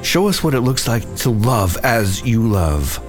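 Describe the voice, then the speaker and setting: A man of middle pitch gives a devotional reflection and prayer in an earnest, gentle manner. His delivery is heartfelt and unhurried. Faint music plays quietly behind him. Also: sing-song. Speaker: podcast host.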